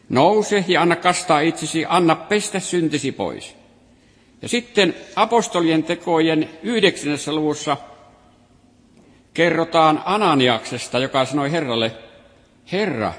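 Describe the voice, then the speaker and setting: A man preaching a sermon, reading and explaining scripture with rising and falling emphasis. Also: on the high side. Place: hall. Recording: long reverb of a hall.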